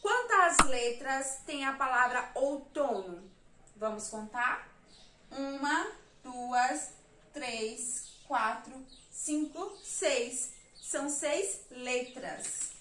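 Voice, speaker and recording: High, bright Brazilian teacher, echoey room. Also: female voice, lively intonation. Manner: slow, patient, counts letters and syllables aloud. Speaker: primary school teacher. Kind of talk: remote lesson for young children. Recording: echoey room, mic at a distance.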